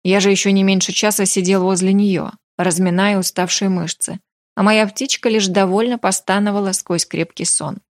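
A woman narrating a romance fantasy audiobook in an even, measured reading. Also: mid-range voice, no echo, studio quality.

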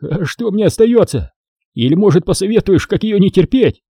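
Give me a man playing a hurt young soldier who groans and swears, a touch above his usual pitch, in a dry recording. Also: lively intonation, moderate pace, dark tone, breathy edge, no echo, exaggerated voice. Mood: pained, irritated.

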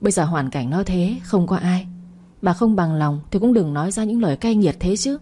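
A woman's voice: fairly low pitch, animated, moderate pace, breathy edge. Woman reading as a frank old housekeeper. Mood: chiding. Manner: plain, scolding gently. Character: kindly older female housekeeper, frank.

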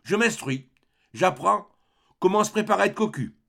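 A man's voice: sits high, very animated, normal speed, creaky, fairly bright tone, pitched above the performer's own voice, heavily acted. Pierre, a man voicing a sneering young man. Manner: sarcastic, with dry forced laughter. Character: bitter sneering young man, mocking and cruel. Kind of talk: audiobook character reading.

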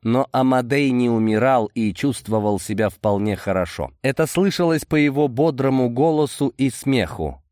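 A man reading a first-person story aloud in a steady, measured way. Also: medium pitch, no room sound, studio quality. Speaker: audiobook narrator. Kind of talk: scripted first-person narration.

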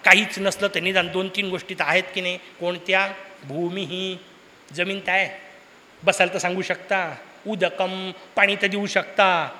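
A man's voice: high voice, level tone, measured pace, bright, forceful tone, a little hiss or hum. A man giving a devotional discourse to an audience, telling a story with humor, rhetorical questions and sudden emphatic bursts, with a Marathi accent. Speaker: preacher of a discourse series. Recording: hall with long reverb.

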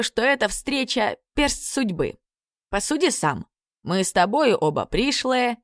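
A woman's voice: mid-range voice, no room sound, studio quality, voice pushed up. A woman voicing a chatty, self-pitying two-headed male serpent who talks in a wheedling, overfamiliar way.

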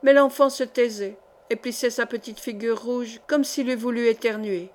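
A woman narrates a literary short story in a measured, steady way. Her voice sits a touch high, and the delivery is calm and careful. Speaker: audiobook reader.

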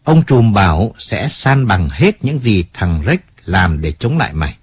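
A man voicing a calm, businesslike male family adviser in an audiobook, speaking firmly and plainly. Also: on the low side, breathy edge, exaggerated voice. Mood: reassuring. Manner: measured, firm, businesslike.

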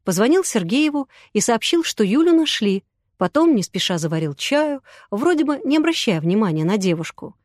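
A woman narrating an audiobook in the first person, reading in a lively, expressive way. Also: on the high side, moderate pace, no room sound, clean studio sound.

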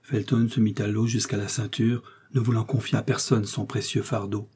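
Man narrating an audiobook, steady pace, dark mellow husky voice. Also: fairly low pitch, moderate pace. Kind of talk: scripted narration.

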